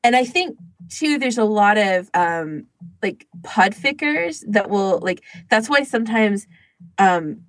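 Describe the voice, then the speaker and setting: A podcast co-host with a medium-pitched, fairly bright voice talks slowly but with lively intonation, chatting casually with other fans. "Like" shows up often as filler, and the recording is dry.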